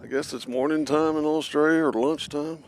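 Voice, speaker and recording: Guy hosting a live stream outside by an airport, kinda high voice, chatty, bit of traffic noise behind. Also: fairly even intonation, normal speed. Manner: chatty, reads out viewer comments. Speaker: livestream host. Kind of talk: casual live commentary. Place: outdoors at an airport.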